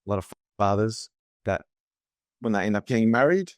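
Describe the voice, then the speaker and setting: Australian male guest, low voice, dead dry recording, steady and friendly. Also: moderate pace, no room sound. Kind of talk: podcast interview.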